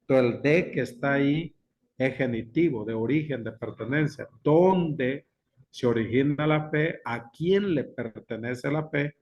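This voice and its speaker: Man teaching a slow, emphatic Bible class. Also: medium pitch. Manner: slow, emphatic, repeats key words. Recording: dull lo-fi recording.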